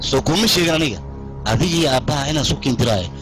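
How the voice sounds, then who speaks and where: A man's voice: mid-range voice, lively intonation, rapid-fire, natural voice, poor audio. A man with a Somali accent playing a hot-tempered, scolding crime boss in a film dub. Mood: angry scolding. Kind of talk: dubbed film acting. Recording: film dub over loud music.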